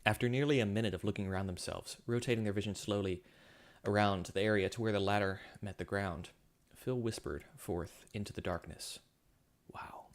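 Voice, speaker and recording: A man's voice: fairly low pitch, fairly quick. A man reading his own science fiction story aloud, with occasional slips and self-corrections. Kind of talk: story narration.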